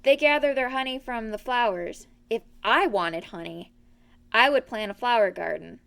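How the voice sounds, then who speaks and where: A woman's voice: on the high side, normal speed, gravelly, fairly bright tone, smooth. A woman voicing a fussy, self-important male rabbit who scolds and lectures in a children's storybook. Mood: smug lecturing.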